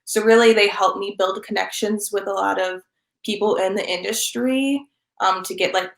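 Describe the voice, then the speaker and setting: A woman's voice: mid-range voice, fairly bright tone. Young woman, student guest, reflective, lots of ums, echoey room sound. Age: 20s. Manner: earnest, reflective, many ums. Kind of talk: conversational interview answers. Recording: roomy echo.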